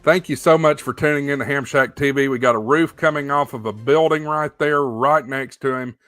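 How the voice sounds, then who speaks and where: A man's voice: medium pitch, fairly bright tone. A man hosting a livestream, giving live storm-tracking commentary in an urgent, emphatic, repetitive manner. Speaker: livestream host.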